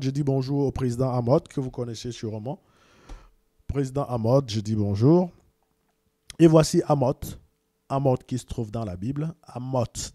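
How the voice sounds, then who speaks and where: A man's voice: medium pitch, warm tone, no room sound, clean studio sound. A man from Cameroon talks casually to viewers, repeating words and sending greetings as he explains. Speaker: video presenter.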